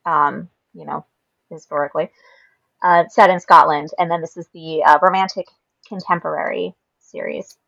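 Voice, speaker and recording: A woman author in a casual interview, giving quick, brief replies. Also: deep voice, steady tone, gravelly, a bit bright, dry recording, dull audio. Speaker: author guest.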